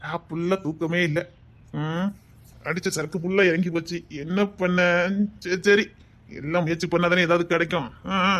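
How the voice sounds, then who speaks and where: A man's voice: on the high side, little pitch movement, moderate pace, a bit bright, close to an everyday voice. A man playing a coaxing Tirunelveli blackmailer. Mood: scheming. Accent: Tirunelveli Tamil. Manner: coaxing, insistent, keeps asking 'understand?'. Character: smooth-talking young man, manipulative, greedy blackmailer. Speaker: scheming boyfriend on a phone call. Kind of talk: web drama acting.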